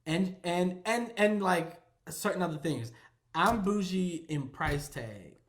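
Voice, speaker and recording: A man's voice: sits high, lively intonation. A man who is a pastor, chatting casually on a home vlog, teasing his partner and telling stories with frequent laughter. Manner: playful, teasing, laughs often, drawn-out storytelling. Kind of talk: casual chat.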